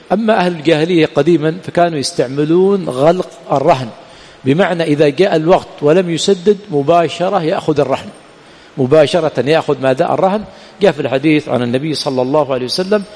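A man's voice: a little high, a little mellow. A man teaching religious law as a sheikh, who keeps putting rhetorical questions to his students and answering them himself. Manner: keeps asking "what?" and filling in the answer himself. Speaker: sheikh teaching Islamic jurisprudence. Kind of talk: lecture with call-and-response questions. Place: teaching center hall. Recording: long hall reverb.

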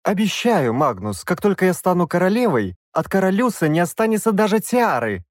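A man's voice: high voice, very animated, normal speed, no echo, clean studio sound, pitched above the performer's own voice. A man voicing a young, imperious princess who gives orders and snaps back sharply. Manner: demanding, sharp retorts.

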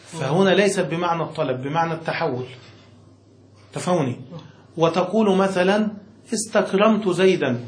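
A man's slightly high voice, at normal speed with frequent pauses, guides a student through a classic Arabic grammar text. He reads sections aloud, explains them, and repeatedly checks understanding. The recording has echo and faint noise.

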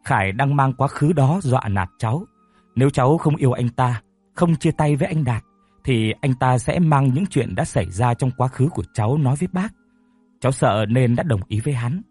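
A man's voice: medium pitch, expressive, normal speed, darkish tone, slightly rough, no room sound, faint music behind. A man voicing a tearful young woman who is full of guilt, speaking in a choked, apologetic way. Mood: remorseful.

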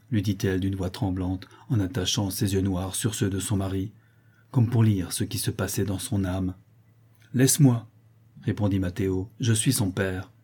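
A man reading a classic short story aloud as an audiobook narrator, in measured storytelling that shifts into the characters' dialogue. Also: lowish voice, warm tone, husky.

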